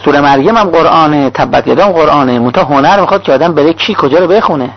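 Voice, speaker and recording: Male cleric lecturer with a raspy voice and a dull lo-fi sound, lists examples in clipped phrases. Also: fairly high pitch. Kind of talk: sermon-style lecture. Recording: dull lo-fi recording.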